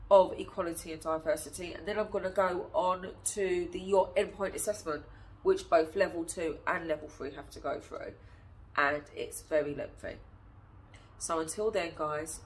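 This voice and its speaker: This is casual teaching talk to camera from an early years teacher in her thirties, stuffy-nosed with a cold, who asks her viewers plenty of questions. She's sitting on a chair in a small indoor room, filmed by a nearby phone camera; her voice is fairly low and the recording low-quality.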